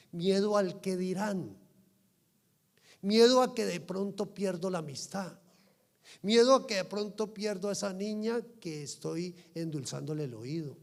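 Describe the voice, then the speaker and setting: A man preaching a sermon as pastor in a church, moving from soft quiet talk to loud fervent preaching. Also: high voice, vocal fry. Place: church sanctuary. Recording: long hall reverb.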